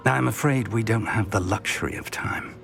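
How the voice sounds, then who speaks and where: An actor playing an older scholarly professor in a video game, speaking in an earnest, formal and courteous way. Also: male voice, lowish voice, normal speed, gravelly, a bit bright, faint music behind. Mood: urgent, respectful. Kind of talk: scripted game dialogue.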